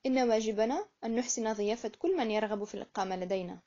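A woman's voice: fairly high pitch, rapid-fire, dark tone, lightly acted. A woman voicing a fretful young innkeeper. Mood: anxious. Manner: fretful, flustered. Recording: muffled lo-fi recording.

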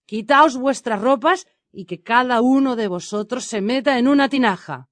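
A woman voicing the cunning adult male chief of a band of thieves, speaking in a smooth, flattering way. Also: mid-range voice, normal speed, dry recording, close to an everyday voice. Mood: commanding.

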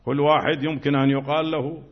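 A man delivering a sermon in a fairly high voice, dropping to quiet, low stretches and then rising to loud, forceful declamation. The recording is dull and lo-fi, with the top end muffled. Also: little pitch movement, fast. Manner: swings between soft, low speech and loud, emphatic declamation. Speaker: preacher.

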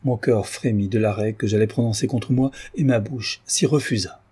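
Male narrator, measured reading, dark husky tone. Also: on the low side. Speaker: audiobook reader. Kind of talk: audiobook narration.

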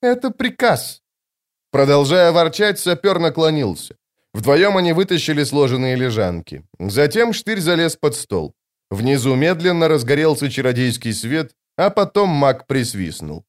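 A man's voice: on the high side, sing-song, normal speed. A man narrating a fantasy audiobook expressively, giving the characters their own voices.

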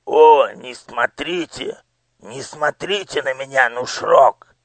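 A man voicing a fat, greedy official in an audiobook, whining slowly. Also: lowish voice, animated, fairly bright tone, no echo, heavily acted. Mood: whiny. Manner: whining, slow, pleading.

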